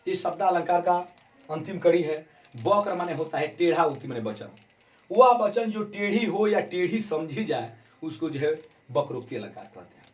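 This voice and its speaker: Male grammar teacher, slow and explanatory, drawing out key terms, recorded from a distant mic. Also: on the high side, expressive, highs cut off. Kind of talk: exam-prep grammar lesson.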